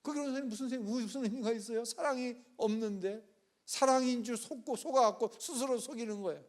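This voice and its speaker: A man preaching a sermon as pastor, telling a story and acting out the people's quoted lines with changing loudness. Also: very high-pitched, brisk. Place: church sanctuary.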